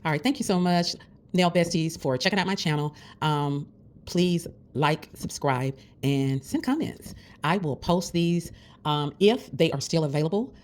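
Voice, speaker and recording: Low-voiced woman chatting a nail tutorial. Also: unhurried, darkish tone. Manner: chatty, encouraging, addresses viewers as besties. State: has the hiccups. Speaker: nail care vlogger. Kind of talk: casual tutorial chat.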